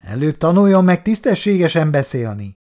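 A shrill, quarrelsome neighbor woman, high and sharp, snapping with lively rises and falls, as a male reader puts her on. She scolds and threatens without pause in a read-aloud tale. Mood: angry.

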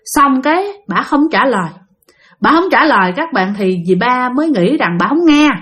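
A woman's voice: high voice, lively intonation, normal speed, a bit bright. A woman telling a ghost story, addressing her listeners directly.

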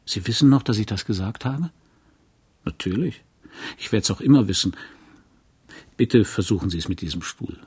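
A man reading the part of a lonely, bookish small-town lawyer who speaks in a dry, wry and courteous way, in a low, husky voice. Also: expressive, normal speed, long pauses, darkish tone.

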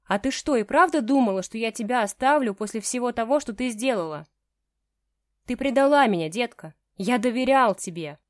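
A woman's voice: a little high, lively intonation, quick pace, few pauses, no room sound, voice pushed up, natural voice. A woman reads a stern, commanding young man in an audiobook romance. He speaks curtly, as if to his subordinates, and the voice sits dry and close. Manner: curt commanding tone.

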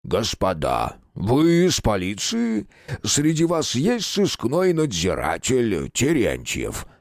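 A man voicing a polite, portly elderly gentleman over 60 who speaks courteously. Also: mid-range voice, wildly swooping pitch, takes it slowly, no echo, clean studio sound, voice pushed up, heavily acted. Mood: polite, concerned.

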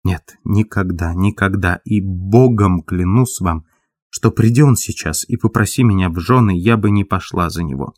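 A man voicing a frightened, tearful young farm maid who answers in soft, hushed replies. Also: sits low, normal speed, dry recording, clean studio sound. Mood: pleading.

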